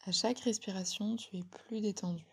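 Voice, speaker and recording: A woman giving a slow, soothing guided relaxation in a breathy ASMR whisper, very close, as if right in the listener's ear. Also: mid-range voice, steady tone. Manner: slow, soothing, gently instructing.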